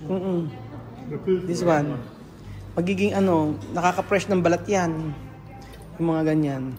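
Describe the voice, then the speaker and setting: Music plays in the background of this large-hall recording, where a Filipino food vlogger with a voice on the high side talks slowly. Sharing a meal at a restaurant, he chats casually in a mix of Tagalog and English and laughs a lot as he tastes.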